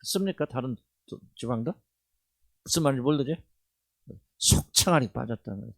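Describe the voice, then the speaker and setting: Middle-aged male pastor, Jeolla accent, gravelly voice in a dry, close sound, animated sermon delivery that swings from loud to hushed. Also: medium pitch, moderate pace, dry recording. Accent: Jeolla dialect. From Jeolla, South Korea.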